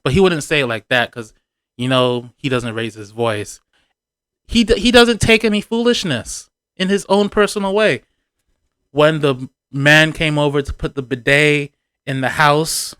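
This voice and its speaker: Animated, joking male vlogger. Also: a little high, smooth. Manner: animated, joking, laughs often. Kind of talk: casual commentary on a reality show.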